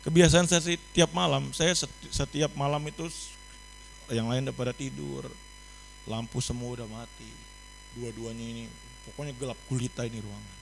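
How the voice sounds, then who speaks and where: A young man preaching a sermon at an online youth service, switching between loud exclamations and quiet, confiding passages. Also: mid-range voice, normal speed, gravelly, slight background noise, low-quality recording.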